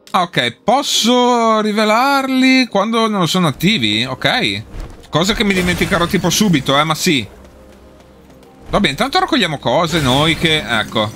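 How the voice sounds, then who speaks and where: Male streamer, fairly high voice, foul-mouthed, taunts the enemies, over game music. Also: bright, forceful tone. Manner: swearing, talking back to enemies. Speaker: gameplay streamer. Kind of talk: let's play commentary.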